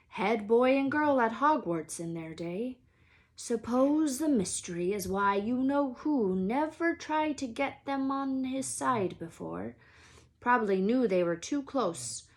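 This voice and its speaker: In a natural, medium-pitched voice, a woman plays a storybook's enormous wizard, gruff on the surface yet good at heart. The character comes across emotional and anxious, speaking in a halting, folksy way that clips the ends of words.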